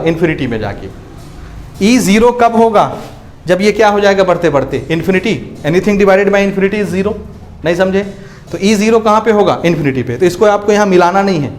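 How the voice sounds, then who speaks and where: A man teaches physics in a classroom lecture. He asks his students again and again whether they understood, then gives the one-word answer himself in a lower, quieter voice. A faint hum of room noise sits under the recording. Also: expressive, normal speed. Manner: drops low and soft on one-word answers.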